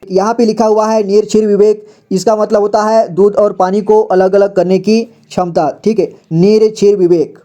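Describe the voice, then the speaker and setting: High-pitched, patient man teaching reading. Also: level tone, mellow. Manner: patient, repeats each word slowly and often says "ठीक है". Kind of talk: slow explanatory lesson, spelling out words.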